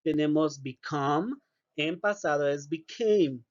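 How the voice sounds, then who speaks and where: Slow-talking male English teacher, lo-fi. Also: on the high side. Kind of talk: recorded video lesson.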